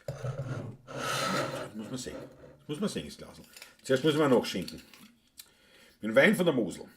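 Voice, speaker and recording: A man with a Viennese accent, chatting casually and gruffly on a solo live stream, joking and cursing between songs. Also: mid-range voice, big pitch swings, a little slow, slight background noise. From Austria. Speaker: solo livestream musician. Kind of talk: casual live-stream chat with Wienerlied singing. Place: home, indoors.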